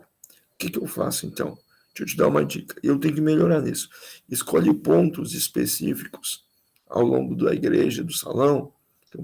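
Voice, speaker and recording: A pastor, a man, teaches preaching tips in an easy, conversational way. His voice is heavily gravelly and rough with breath, and he often repeats a phrase to drive it home. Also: medium pitch, a little mellow, poor audio. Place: live-streamed church talk.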